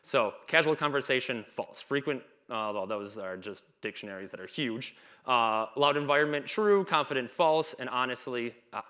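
Speaking at a normal speed, this man in his thirties has an expressive, mid-range voice with a bright, forceful tone. He delivers a casual, chit-chat conference talk on a dark stage in a conference hall, stuttering, repeating and blocking along the way.

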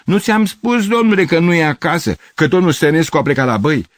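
An older man voicing a gruff neighbor woken at night, hoarse and shouting. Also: a little high, very animated, dry recording, studio quality, voice pushed up. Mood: irritated.

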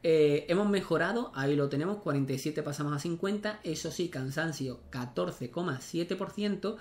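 A man's voice: fairly high pitch, normal speed. A young man, chatting casually as he plays a tennis video game, thinking aloud and swearing at misses. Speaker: gaming streamer. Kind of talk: casual gameplay commentary.

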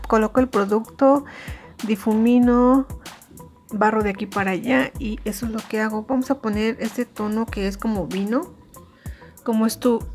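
A woman's voice: mid-range voice, a little mellow. A woman doing a casual makeup tutorial, chatty and hesitant, with many fillers. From Mexico. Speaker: beauty vlogger.

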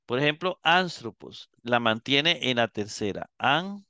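A man teaching a live Greek class, explaining slowly and checking in with his students as he goes. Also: mid-range voice, lively intonation, bright, forceful tone, clear, resonant tone, dry recording. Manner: slow, explanatory, repeats and checks with "¿verdad?".

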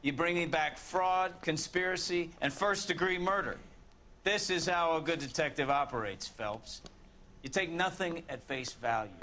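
A middle-aged American police captain in a 1940s crime game. The voice is forceful and fairly high, brisk and used to command. There is slight noise behind it. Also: male voice. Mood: approving. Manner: brisk, authoritative. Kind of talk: period crime game acting.

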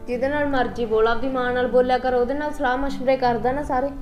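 A woman's voice: high-pitched, steady tone, fast talker, a little mellow, faint music behind, close to an everyday voice. A young woman playing a stubborn wife who sulks and snaps back at her husband. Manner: sulky, retorting.

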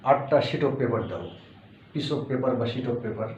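A man's voice: mid-range voice, slow pace, a little mellow. A man teaching a language lesson, patiently repeating each word and explaining step by step. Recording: roomy, distant, dull lo-fi audio with faint hiss.

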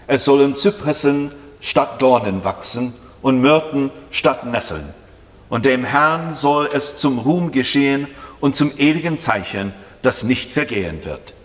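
A middle-aged man serving as lay reader, reading scripture aloud in a steady, even way. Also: medium pitch. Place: church, in front of a brick wall. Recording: long reverb in a church.

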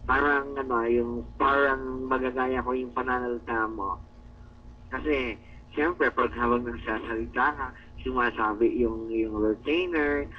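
A man's voice: medium pitch, steady tone, measured pace, a little hiss or hum. A man from the Philippines teasing coworkers in mocking banter, growling "arr" and laughing often. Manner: taunting, repeatedly growls "arr" in mockery. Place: indoor room. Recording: distant, dull lo-fi recording.

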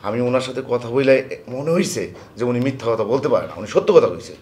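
A man's voice: medium pitch, animated, quick pace, a little mellow, reverberant, slight background noise, close to an everyday voice. A young actor playing a lovesick son pleading with his mother in a comedy TV drama. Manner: pleading, defensive.

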